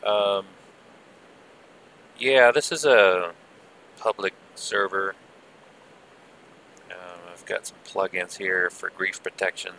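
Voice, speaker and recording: A man giving casual, rambling live gameplay commentary with muttered asides, heard through low-quality stream audio from an old headset. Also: fairly even intonation, takes it slowly, long pauses, bright, forceful tone. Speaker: game server streamer.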